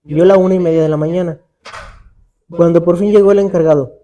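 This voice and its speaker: A man, co-hosting and telling a horror story in a dramatic, measured way. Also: a little high, steady tone, mellow, highs cut off. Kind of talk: storytelling narration in casual talk.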